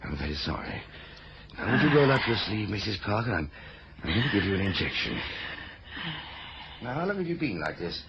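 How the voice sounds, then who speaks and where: Through a muffled, hissy radio recording comes an older family doctor. His low voice moves expressively, kindly and tired, with gentle hesitations in old radio drama style. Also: big pitch swings, fairly quick, long pauses. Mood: gentle, professional.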